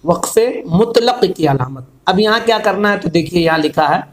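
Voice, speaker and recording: A man gives a calm religious lesson, going over each point slowly and repeating it with simple everyday examples. His voice sits notably high for a man, and he keeps an unhurried teaching tone throughout.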